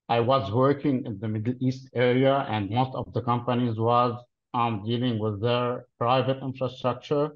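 Speaking at a medium pitch, this man in his thirties from Lebanon works as a cloud solutions architect and is being interviewed over video call. His answers are careful and explanatory with frequent pauses; the webcam audio from his plain-walled room sounds dull and lo-fi.

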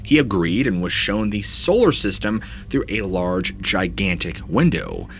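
In a small home studio, a man in his thirties hosts eerie paranormal tales, reading scripted narration into a studio mic in front of him. His low voice moves unhurriedly but swings hugely in pitch, sweeping up and dipping down in dramatic storytelling fashion, with faint music playing behind.

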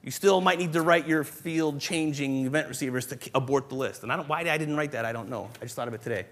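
A man presenting a live programming lecture to a room of developers, brisk and joking, thinking aloud as he demos code. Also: medium pitch, a bit bright. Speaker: conference presenter teaching developers. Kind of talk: live technical lecture with demo. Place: conference room with live audience.

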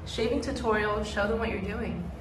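A woman's voice: mid-range voice, moderate pace. A young woman hosting a casual vlog, playful and teasing, laughing often with friends. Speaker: vlog host. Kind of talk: casual chat. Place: busy eatery. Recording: noisy background ambience.

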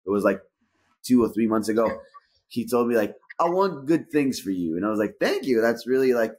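A man's voice: medium pitch, fairly quick. A man in his thirties from Israel with an Israeli accent, a stand-up comedian telling stories in casual chat over a video call, acting out quoted lines. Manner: animated, acts out quoted dialogue. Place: indoor room, video call. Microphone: webcam on video call.

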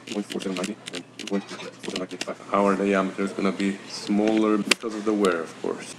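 A man talking slowly through engine measurements in a workshop tutorial, pausing and filling gaps as he works out numbers. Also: low voice, flat delivery, noisy background. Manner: methodical, talking through numbers with pauses and fillers. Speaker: home mechanic explaining engine measurements. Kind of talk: step-by-step tutorial narration.

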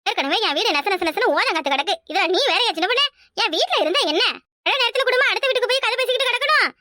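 A shrill cartoon busybody of a big sister, acted by a woman, scolding and fussing. Her voice sits extremely high and comes out sharp and bright. It is recorded dry and close, with no room around it. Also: animated, quick pace, dry recording, exaggerated voice. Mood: grumbling. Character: scolding, nosy village elder sister, grown woman. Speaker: cartoon character. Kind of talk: cartoon voice acting.

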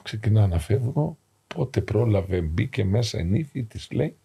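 A middle-aged priest with a low, dark voice tells a story from his parish while sitting on a studio sofa. He plays each voice in the tale and lets his tone fall to a near-whisper. His voice has a rough, gravelly edge and a breathy husk. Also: animated. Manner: acts out dialogue in shifting voices, drops to hushed tones. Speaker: Orthodox parish priest, podcast guest. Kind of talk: emotional storytelling in a podcast interview. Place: podcast studio, seated on a sofa.

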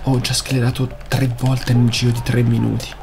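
Gravelly man griping through gameplay commentary. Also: mid-range voice, monotone, moderate pace, over loud music. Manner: exasperated outbursts and muttered swearing; talks quietly late at night. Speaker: gaming YouTuber.

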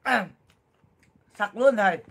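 A woman in her thirties on a casual livestream, loud, blunt and jokey, full of exclamations as she talks to viewers. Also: mid-range voice, slow pace, slightly rough. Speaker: livestream seller and vlogger.

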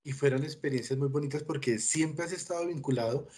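A man's voice: medium pitch, fairly quick, a little mellow, slightly rough. A man hosting an interview, summing up his guest's story in a friendly way before asking a question. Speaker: interview host.

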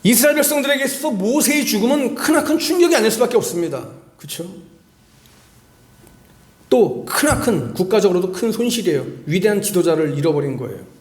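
A man's voice: sits high, echoey room. A male pastor preaching a sermon, asking the congregation questions and repeating phrases for emphasis.

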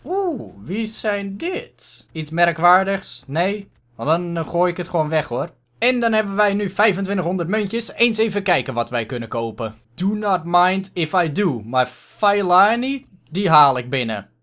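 A man with a Dutch accent giving casual gameplay commentary, excitable and swearing a lot, dropping English exclamations into his talk. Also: high-pitched, measured pace. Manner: excitable, frequent swearing and frustrated outbursts. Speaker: gaming YouTuber.

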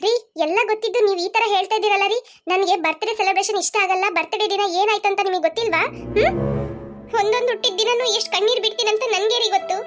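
A woman's voice: very high-pitched, fairly even intonation, music in the background. A woman voicing a busy cartoon mother who scolds her kid to hurry for school. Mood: sorrowful. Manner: scolding, hurried. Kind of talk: cartoon voice acting.

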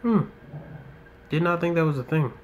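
While playing football on his phone in an indoor room, a young American man chats casually, muttering asides and sometimes ranting. He speaks at a moderate pace in a slightly high voice, with slight background noise.

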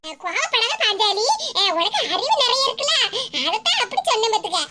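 A woman's voice: extremely high pitch, big pitch swings, a little fast, pushed and bright, a little hiss or hum, heavily acted. A woman voicing a scheming old mother in a cartoon comedy, with a Kanyakumari Tamil accent and wailing, theatrical complaints. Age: older.

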